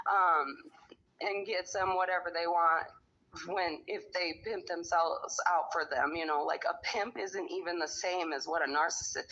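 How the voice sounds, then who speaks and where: A woman in casual chat, talking bluntly and swearing freely as she tells animated stories. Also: on the low side. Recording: dull lo-fi recording.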